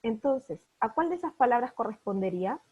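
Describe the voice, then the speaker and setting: Woman teacher, mellow and breathy, patient step-by-step explainer, on a muffled video call. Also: fairly high pitch, lively intonation, fairly quick. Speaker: primary school teacher. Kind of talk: online class explanation.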